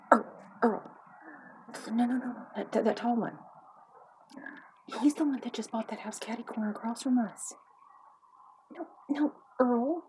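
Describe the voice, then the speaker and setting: A woman voicing a nosy gossiping wife who pesters her husband, dropping to hushed whispers and then bursting out loud. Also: on the high side, noisy background, voice pushed up, natural voice.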